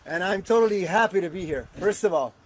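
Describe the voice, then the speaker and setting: Earnest, animated Israeli man, high-pitched. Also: brisk, low-quality recording. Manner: earnest, animated storytelling with hesitations. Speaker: guest, activist. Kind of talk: casual roundtable talk.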